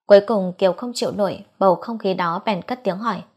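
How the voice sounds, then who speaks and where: A woman's voice: mid-range voice, fast talker, a little mellow, slightly rough. A woman reading a romance novel aloud as an audiobook narrator, voicing the dialogue in her own voice. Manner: reads all characters' dialogue in a near-normal voice.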